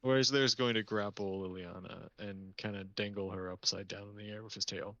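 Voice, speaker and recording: A man speaks in a casual, matter-of-fact way in a tabletop game. His voice is low, gravelly and bright-edged. The recording is dry and dull. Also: fairly even intonation, a little fast, dry recording. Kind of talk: tabletop role-play chat. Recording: dull lo-fi mic.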